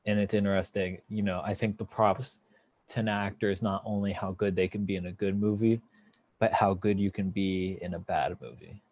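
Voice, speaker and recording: A man's voice: low voice, level tone, normal speed, darkish tone, no echo. A man hosting a casual film review chat, talking with enthusiasm and rambling through fillers and restarts. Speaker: podcast host.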